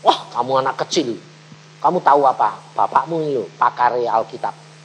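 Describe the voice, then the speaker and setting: A man's voice: medium pitch, normal speed, slight background noise, pitched below the performer's own voice, natural voice, low-quality recording. A man doing a boastful, stubborn father. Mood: dismissive. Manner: dismissive, boastful. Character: proud stubborn father brushing off his son.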